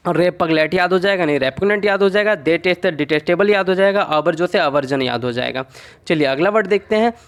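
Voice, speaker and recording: A man with a notably high voice gives a casual vocabulary lesson. He builds short stories as memory tricks. He keeps checking in with "okay" and answers his own questions as he goes. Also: fast talker, clear, resonant tone. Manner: explains through short made-up stories. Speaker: exam-prep teacher.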